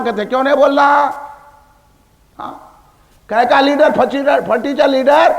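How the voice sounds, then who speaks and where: Extremely high-pitched, gravelly, and a bit bright, the preacher's voice carries a Hyderabadi Deccani accent. He fights his way through a fiery sermon with emphatic repetition and volleys of rhetorical questions, while long hall reverb follows his amplified speech.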